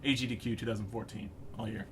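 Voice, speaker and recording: A man's voice: lowish voice, steady tone, fast talker. Young male co-host, eager and rambling, faint background hiss. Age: young adult. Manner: enthusiastic, rambling with fillers. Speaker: podcast co-host. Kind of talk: casual chat.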